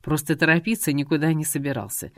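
A woman's voice: sits low, steady tone, fast, no echo, studio quality. A woman voicing a stern middle-aged businessman who speaks in a cold, clipped, growling way.

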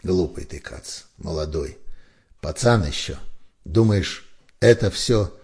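A man voicing a gruff, blustering middle-aged boss of a criminal hideout. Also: sits low, animated, takes it slowly, a little mellow, exaggerated voice. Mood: lecturing.

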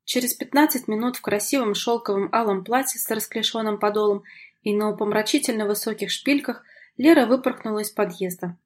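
Husky woman narrating an audiobook. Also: medium pitch, fairly quick. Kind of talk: scripted narration.

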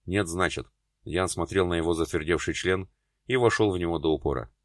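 Deep-voiced male audiobook narrator. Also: a little fast, dry recording, clean studio sound. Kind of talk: scripted narration.

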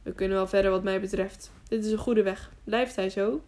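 A woman reading the part of a gruff, grumbling adult male traveler in a storybook audiobook, with curt replies. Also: sits high, fairly even intonation, a little fast, a little mellow.

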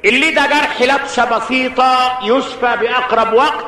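A man with an Egyptian accent voicing a calm, sharp-witted hero disguised as a servant, answering with cool retorts. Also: very high-pitched, normal speed, heavy reverb, long reverb tail, far from the mic. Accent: Egyptian Arabic.

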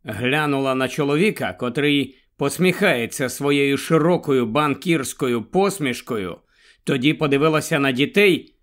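A man narrating a story aloud in a measured, unhurried way. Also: mid-range voice, fairly bright tone. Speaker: audiobook narrator. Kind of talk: scripted narration.

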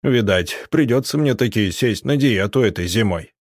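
A man's voice: fairly low pitch, animated, normal speed, darkish tone, no room sound, clean studio sound. Teasing, stubborn young guy, cheeky and jokey; male narrator voices him. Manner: mocking, cheeky.

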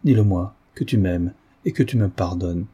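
A man's voice: sits low, normal speed, warm tone, breathy edge. A man reading a remorseful despairing old father. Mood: imploring. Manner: impassioned, confessional, declamatory. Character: guilt-ridden aging father, remorseful and despairing.

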